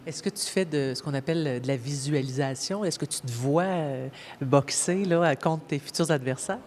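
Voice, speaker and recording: A woman, a community TV reporter asking clear, conversational questions. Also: low voice, normal speed, a little mellow, slight background noise. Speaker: TV reporter and host. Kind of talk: community TV interview.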